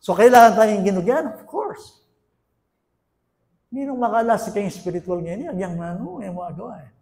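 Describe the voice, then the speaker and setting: A man with a Filipino accent preaches a sermon, his voice pitched high. He moves between loud, pressing questions and hushed lines, slipping English phrases into his talk. The sound is roomy, with the echo of a church hall. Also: lively intonation, normal speed. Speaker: pastor. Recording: echoey room.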